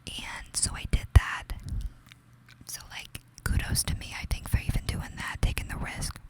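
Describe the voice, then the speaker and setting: A woman's voice: normal speed, rough recording. Young new york woman whispering gossip asmr style, super chatty and confiding, says like a lot. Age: young adult. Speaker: ASMR creator.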